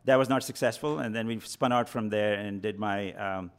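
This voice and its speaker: A middle-aged man from northern India, a venture capital guest in a radio studio, answering in a measured, matter-of-fact way. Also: lowish voice. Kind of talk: interview answers.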